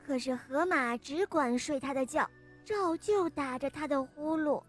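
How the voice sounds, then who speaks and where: A woman narrating a children's story with a lively, expressive reading. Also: high-pitched, measured pace, soft background music.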